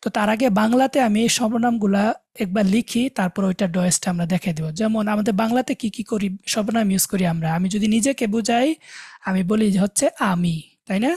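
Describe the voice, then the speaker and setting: একজন মহিলা জার্মান ভাষার শিক্ষিকা, অনলাইন ডেমো ক্লাসে ধীরে ধীরে একটা একটা করে বর্ণ উচ্চারণ করে বোঝাচ্ছেন।. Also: female voice, medium pitch, darkish tone, husky, no room sound, studio quality. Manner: slow, spelling out letters one by one. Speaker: German language teacher. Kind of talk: online demo class.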